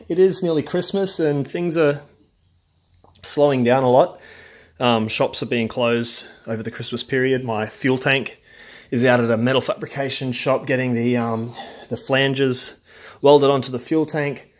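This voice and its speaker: A man's voice: medium pitch, fairly even intonation, measured pace. A man talking casually through his car repair work in a home garage, rambling with lots of ums. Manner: rambling, many ums, plain-spoken. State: out of breath. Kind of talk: casual workshop vlog.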